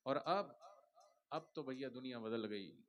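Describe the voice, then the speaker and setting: A man's voice: mid-range voice, slow, fairly bright tone. A man, a spiritual teacher, giving a devotional sermon to a gathering in a preachy, playful way, acting out little stories and leading the crowd in chants. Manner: preachy, playful, acts out anecdotes and leads chanting. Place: large outdoor religious gathering.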